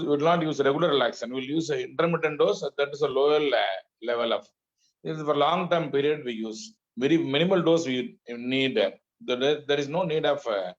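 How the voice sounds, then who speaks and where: Halting male doctor, South Indian accent. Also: medium pitch, muffled recording. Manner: halting, repetitive, polite. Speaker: doctor giving a medical lecture. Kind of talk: webinar lecture and question answering.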